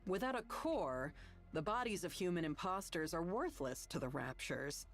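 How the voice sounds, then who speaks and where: A blunt, weary fighter. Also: female voice, lowish voice, moderate pace, soft background music. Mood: cold. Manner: curt, dismissive, flat. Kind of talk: video game voice acting.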